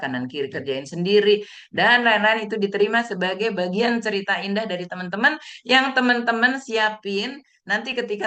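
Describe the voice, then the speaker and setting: A woman's voice: on the low side, fairly bright tone. A woman giving an online motivational training talk over a video call, speaking conversationally and acting out the people she quotes in raised voices.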